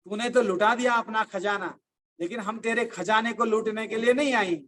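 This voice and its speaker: Man, high voice, devotional discourse, slow chanting of verses, lively storytelling. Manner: chants verses slowly, then explains them in animated storytelling. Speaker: religious teacher giving a discourse.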